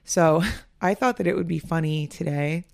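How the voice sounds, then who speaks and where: A woman's voice: deep voice, moderate pace, creaky, no room sound, clean studio sound. A young woman hosting a casual solo podcast, chatty and candid, often laughing and swearing. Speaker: podcast host.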